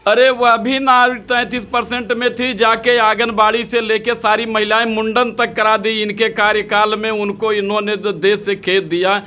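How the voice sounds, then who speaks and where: A senior advocate man, answering a street interview with indignant, rapid-fire accusations. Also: high voice, flat delivery, sharp tone. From Uttar Pradesh.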